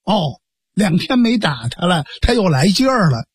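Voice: medium pitch, very animated, normal speed, slightly rough, no echo, clean studio sound. A storyteller voicing a feisty teenage girl skilled in fighting, scolding her younger brother. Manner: sharp, scolding. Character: feisty young woman martial artist, scolding.

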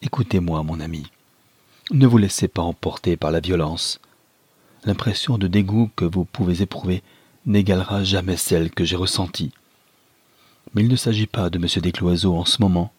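A man's voice: sits low, normal speed, husky, no room sound. A man voicing a torn young mother and wife, earnest and pleading, in an audiobook reading.

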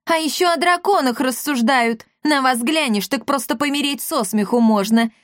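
Voicing a scrappy young witch girl, a woman taunts and sneers with mocking sarcasm, pitching her natural voice higher than her own. She speaks at a normal speed. The recording is dry and clean, studio quality.

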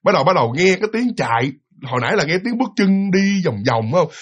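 Fast, lively Southern Vietnamese man telling a story. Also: sits high, lo-fi sound. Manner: lively, addresses listeners directly, breathy voice.

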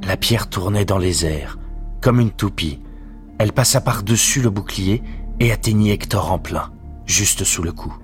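A man reading a literary narration in a measured, solemn way. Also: fairly low pitch, over music.

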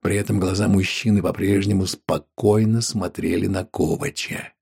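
Man reading a novel aloud, low gravelly voice, kinda raspy, steady and grave. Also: moderate pace. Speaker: audiobook narrator. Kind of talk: scripted audiobook narration.

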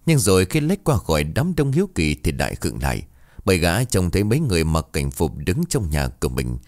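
A man narrating a scripted story in a dramatic, expressive way. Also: low-pitched, a little fast, no echo, studio quality.

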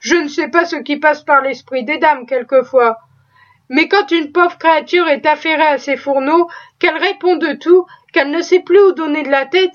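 A woman's voice: high-pitched, close to an everyday voice. A woman voicing a proud, chatty cook. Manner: talkative, exclaiming, folksy. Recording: slightly dull lo-fi recording.

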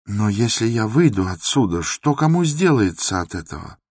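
An actor plays a timid aging male doctor, trembling and pleading in a husky, lowish voice. It is a radio drama recorded close and dry. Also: sing-song, normal speed, dry recording. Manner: pleading, shaky.

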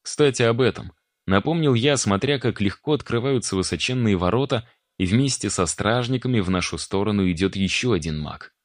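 A man's voice: lowish voice, expressive, brisk, hardly any pauses, no echo, studio quality. A man narrating a first-person fantasy audiobook in a wry, conversational way.

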